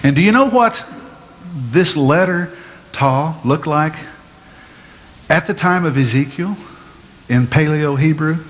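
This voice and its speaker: A man's voice: fairly high pitch, animated. Man teaching a sermon in a reverberant hall. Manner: measured, explanatory, with rhetorical questions. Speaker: pastor. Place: church sanctuary. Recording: long hall reverb, faint room noise.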